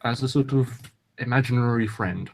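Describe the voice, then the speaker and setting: Male podcast host, mid-pitched, meandering delivery full of ums and restarts. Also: normal speed. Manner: rambling, hesitant, lots of ums and restarts. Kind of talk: casual chat.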